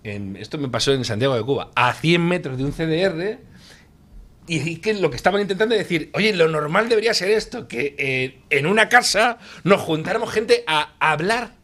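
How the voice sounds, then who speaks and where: A man's voice: on the high side, lively intonation, moderate pace, fairly bright tone. A man on a radio talk program, telling a story in a conversational way. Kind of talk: radio interview.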